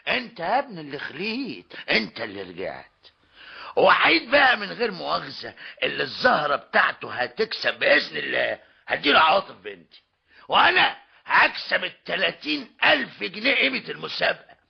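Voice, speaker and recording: Heard on a dull, lo-fi old radio drama recording, this man plays a stubborn, scheming older tradesman and father in a comedy, with an Egyptian Arabic accent. Mocking and theatrical, he repeats a polite tag, his exaggerated voice high, fairly quick, slightly rough and fry-tinged, with big pitch swings.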